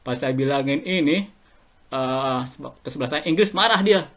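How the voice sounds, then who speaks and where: Guy in his middle years chatting on a podcast, keeps chuckling thru his stories, kinda high voice. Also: normal speed, a bit bright. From Indonesia. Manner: chatty and anecdotal, chuckles while talking. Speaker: guest alumnus. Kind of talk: casual podcast interview.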